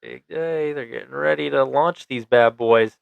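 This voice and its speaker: A man's voice: mid-range voice, measured pace, vocal fry, smooth, no room sound, phone-quality sound. A man co-hosting a podcast, chatting casually and enthusiastically about a movie and laughing easily. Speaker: podcast co-host. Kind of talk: casual movie review chat.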